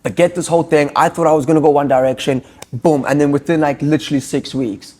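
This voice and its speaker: A man's voice: on the high side, steady tone, fast, a little mellow. A young man with a South African accent, a podcast guest telling his story in a loose, casual way full of fillers.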